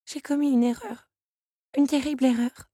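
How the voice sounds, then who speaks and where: A woman's voice: high-pitched, fairly even intonation, moderate pace, mellow, slightly rough, no room sound, studio quality, voice pushed up. A woman reading an audiobook and voicing a despairing young woman who pleads and speaks through tears. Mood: tearful.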